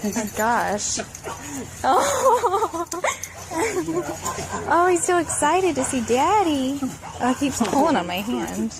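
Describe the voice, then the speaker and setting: High, gushing woman filming a homecoming. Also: very animated, takes it slowly, long pauses. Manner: gushing, laughing, exclaiming. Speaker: family member filming a homecoming. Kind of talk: excited home-video commentary. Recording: home video with clear background noise.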